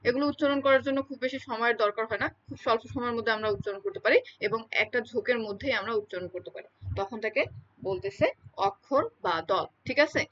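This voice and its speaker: Fast and lively in intonation, this fairly high, fairly bright female voice explains a lesson lecture-style. She repeats key terms and frequently checks in with listeners, and the recording is dull and lo-fi.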